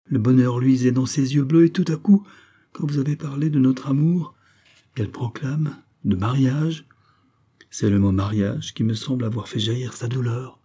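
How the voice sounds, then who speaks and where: A man's voice: mid-range voice, moderate pace, mellow, husky, voice pushed up. A man voicing a worried young captain, sad and puzzled, in an audiobook reading. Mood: bewildered. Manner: bewildered, sad. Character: anxious young male army captain in love.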